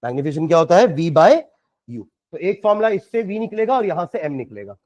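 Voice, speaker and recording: A man's voice: fairly high pitch, big pitch swings, a little fast, a little mellow, no echo, highs cut off. A man with an Indian accent teaching science, working through problems step by step and quizzing his students. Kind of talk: classroom lecture solving problems.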